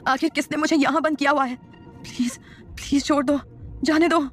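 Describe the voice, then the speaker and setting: A woman's voice: sits high, fairly even intonation, brisk, faint music behind, voice pushed up, natural voice. Woman voicing a weak, beaten captive man. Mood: begging. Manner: faltering, pleading.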